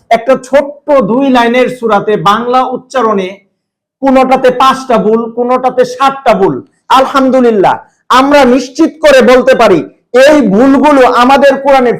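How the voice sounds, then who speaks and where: High-voiced man demonstrating pages. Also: low-quality recording. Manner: explains while pointing at pages, reads recitation slowly. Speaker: publisher's presenter. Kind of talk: product demonstration.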